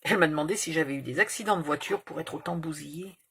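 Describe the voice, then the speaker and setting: Deep-voiced and quick, with a somewhat bright, breathy edge, a woman in her fifties talks casually through a crafting tutorial she hosts. She rambles through a story and swears casually along the way.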